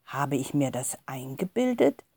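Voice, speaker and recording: A woman's voice: a bass voice, big pitch swings, measured pace, dark tone, husky, no room sound, voice pushed down, full character voice. A woman voicing an earnest fourteen-year-old boy who hesitantly tells of a strange experience, in a storybook reading. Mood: wondering.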